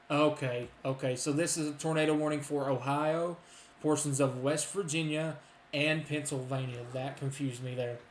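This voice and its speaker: A man giving urgent live storm warning commentary, often halting and thinking aloud as he tracks the weather. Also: fairly high pitch. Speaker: severe weather live streamer. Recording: roomy echo, faint background noise.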